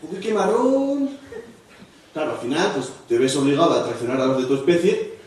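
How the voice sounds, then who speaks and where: A young man from Spain performing a live stand-up monologue at a university, switching into loud high voices to act out other people. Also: fast talker. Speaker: stand-up comedian. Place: university auditorium with a laughing audience. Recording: echoey, distant, noisy hall recording.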